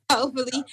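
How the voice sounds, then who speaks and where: A woman's voice: high-pitched, slightly rough, dry recording. Woman on a choppy video call. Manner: halting, fragmented speech. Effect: choppy video call audio breaking up, words dropping out. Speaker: school board member. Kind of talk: meeting remarks over a video call. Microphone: laptop on a video call.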